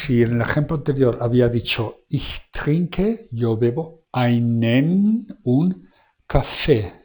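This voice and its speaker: A man walks through German grammar in a loose, conversational way. His voice is soft and mellow, and his talk is full of fillers. He slows right down when he reads each German example aloud. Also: medium pitch. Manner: relaxed, chatty, many fillers, reads German examples slowly. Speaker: German language teacher. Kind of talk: casual online lesson, explaining grammar.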